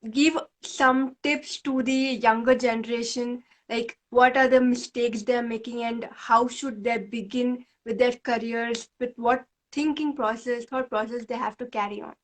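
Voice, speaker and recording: High-voiced, hesitant woman host. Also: steady tone, measured pace, few pauses, poor audio. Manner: hesitant, many fillers, earnest. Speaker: livestream host. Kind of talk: interview questions.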